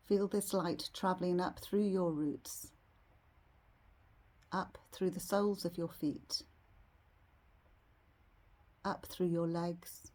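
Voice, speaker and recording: A woman leading a guided meditation in a serene, soothing, soft and slightly husky voice. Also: fairly low pitch. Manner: serene, unhurried, soothing delivery.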